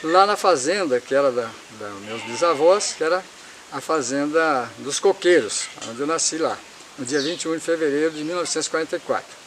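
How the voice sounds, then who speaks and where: Man in his seventies, from Paraná, rambling life story, slightly high voice, faint countryside noise. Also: fairly quick, a bit bright. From Paraná, Brazil. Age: 70s. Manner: rambling, repeats himself.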